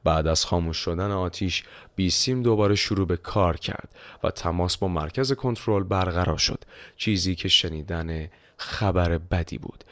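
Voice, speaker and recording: A man hosting a book-summary podcast, telling the story in a steady scripted narration and closing with a polite formal thanks. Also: low-pitched, dry recording.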